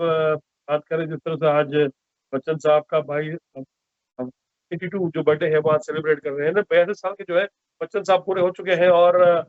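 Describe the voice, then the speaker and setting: A man interviewing a guest for a news channel, asking formal questions with halting fillers. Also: on the high side, dry recording, phone-quality sound.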